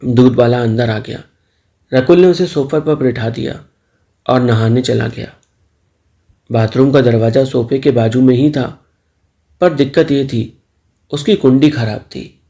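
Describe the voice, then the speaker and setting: A male storyteller reads a story aloud at an even, measured pace. His voice is gravelly with a lot of fry, and sits dark and mellow. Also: mid-range voice. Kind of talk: storybook narration.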